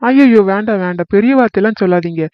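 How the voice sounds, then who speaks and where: A man playing a greedy smooth-talking doctor. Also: high-pitched, racing, no room sound, dull audio, natural voice. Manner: reassuring but money-minded.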